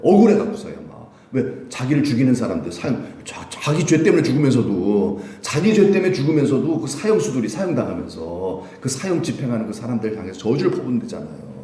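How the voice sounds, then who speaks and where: A man preaching a Sunday sermon as pastor, lively and conversational, often putting questions to the congregation. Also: medium pitch, quick pace, few pauses, a little hiss or hum. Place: church sanctuary. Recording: echoey church room.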